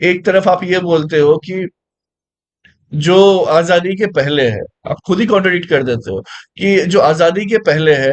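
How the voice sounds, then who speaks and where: A man teaching a current affairs lesson in a conversational way, asking listeners rhetorical questions and mixing English phrases into his speech. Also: high voice. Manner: mixes English phrases into Hindi; reads English lines slowly. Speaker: exam coaching teacher.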